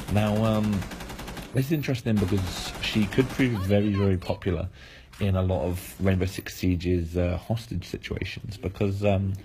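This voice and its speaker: A man's voice: sits low, dark tone, a little hiss or hum. A man losing his voice, giving analytical game preview commentary with frequent fillers and restarts.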